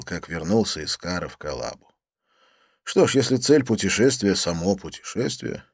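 A man reading a first-person audiobook in a measured, expressive storytelling manner. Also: sits low, no echo, clean studio sound. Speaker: audiobook narrator.

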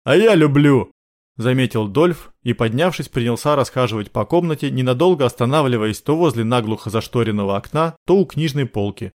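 Guy reading an audiobook, steady measured voice, middle pitch. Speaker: audiobook narrator. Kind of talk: scripted narration.

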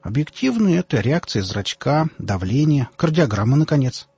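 A man reading an audiobook voices a middle-aged doctor who speaks calmly and matter-of-factly. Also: mid-range voice, moderate pace, slightly rough, no room sound, exaggerated voice. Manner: calm, matter-of-fact. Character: calm, unflappable middle-aged male doctor. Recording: dull lo-fi audiobook, faint music.

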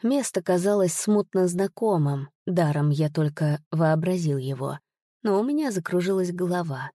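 A woman narrating an audiobook in an expressive, measured storytelling manner. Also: on the low side, no echo, clean studio sound. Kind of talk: audiobook reading.

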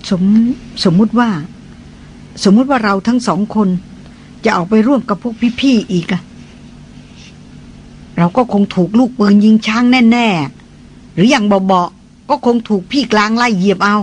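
A Thai audiobook reader voicing a flustered young man in love, murmuring low and hesitantly. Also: a little slow, pauses often, a little hiss or hum, natural voice.

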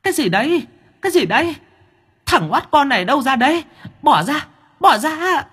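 A man's voice: sits high, big pitch swings, measured pace, pushed and bright, husky, pitched above the performer's own voice, heavily acted. A man voicing an irritable female wandering ghost who shrieks and whines in a storybook tale. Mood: panicked. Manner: shrieking, then wailing and pleading.

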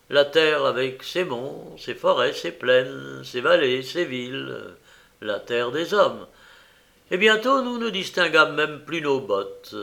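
A man reading a fantasy short story aloud as an audiobook narrator, measured and expressive. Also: fairly high pitch, gravelly. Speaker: audiobook reader.

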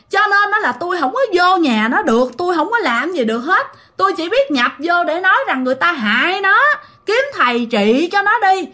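A woman voicing the restless ghost of a middle-aged uncle, high, wailing and insistent. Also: bright, forceful tone, exaggerated voice.

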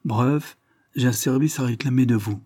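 A man voicing a grave, commanding aristocratic lord near death, who speaks in a measured, solemn way. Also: medium pitch, mellow, no echo, studio quality, natural voice.

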